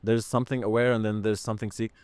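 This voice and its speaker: A man from Syria, a podcast host who talks in an earnest, reflective way and often pauses to search for words. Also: fairly low pitch, flat delivery, a little mellow, smooth, dry recording. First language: Arabic.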